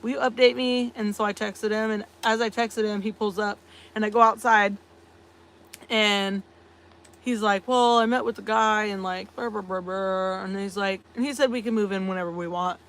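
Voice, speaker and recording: A woman's voice: medium pitch, fairly even intonation, normal speed, fairly bright tone. A woman co-hosting a casual live stream, chatty and laughing often as she tells long stories full of fillers. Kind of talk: casual chat.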